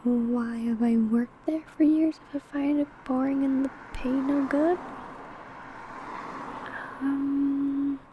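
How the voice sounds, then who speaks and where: A woman voices an older, senior vampire coworker, secretive, sly and possessive, addressing the listener in ASMR roleplay. Her soft, mellow, fairly high voice has a creaky edge as she chats in a hushed, wry, coy tone, slipping into whispers like confidential gossip. Slight background noise is present.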